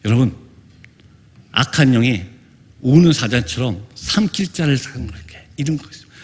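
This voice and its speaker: A man from Korea, a missionary pastor, preaching an evangelical sermon with testimony, fervent and emphatic and rising to shouts, in a church sanctuary. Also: medium pitch, animated, moderate pace. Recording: long church-hall reverb.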